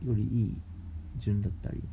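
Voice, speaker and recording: A man talking casually as a radio host, explaining things in halting, phrase-by-phrase steps. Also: lowish voice, level tone. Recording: muffled lo-fi with faint background noise.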